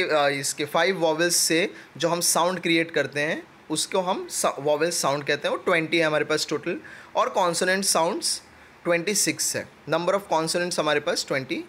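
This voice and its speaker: A man teaches an exam-prep lesson in a fairly high voice. He explains step by step and slows down to read definitions word by word. A faint hiss sits under the recording. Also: fairly bright tone. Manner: explains step by step, reads English definitions slowly.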